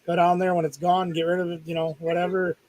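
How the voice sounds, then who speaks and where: A man's voice: sits high, level tone, fast talker, a little mellow, rough recording. A middle-aged man co-hosting a live stream, chatting casually with an easygoing, joking manner. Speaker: co-host.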